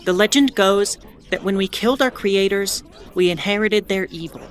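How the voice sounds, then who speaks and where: A woman plays the wry, defiant host of an in-world radio bulletin aboard a spaceship, narrating a scripted audio drama. She explains things conversationally yet with a solemn, storytelling mood. Her medium-pitched voice moves at a moderate pace and sounds close to everyday speech.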